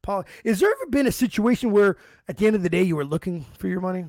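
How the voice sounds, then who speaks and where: A man hosts a loose conversation, swearing freely and racing through anecdotes. His voice sits high with a gravelly edge. The sound is dry and close. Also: dry recording. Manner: fast, profane, animated storyteller. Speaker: podcast host. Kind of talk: casual chat.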